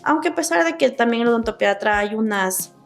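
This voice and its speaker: A young adult woman talks through her work as a dentist in an earnest, step-by-step way, full of asides. Her voice sits fairly high and has a gravelly fry to it, while faint music plays underneath. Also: animated, brisk. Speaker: dentist guest. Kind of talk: casual interview chat.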